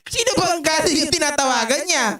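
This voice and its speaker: A man's voice: very high voice, fairly quick, creaky. A man hosting a political commentary livestream from home, mocking his targets, laughing often and reading viewer comments aloud. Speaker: livestream host. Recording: echoey, distant, loud noise.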